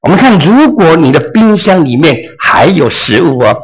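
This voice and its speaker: A man preaching with a lively, swooping delivery. His voice sits a little high and carries a husky edge. He acts out the dialogue of a parable as he speaks. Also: moderate pace, rough recording. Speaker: pastor. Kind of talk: sermon.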